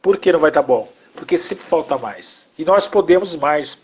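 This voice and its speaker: A man working as a hypnotherapist talks slowly and soothingly about grief, guiding listeners through calming imagery. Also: on the high side, a little hiss or hum. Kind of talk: reflective conversation on grief.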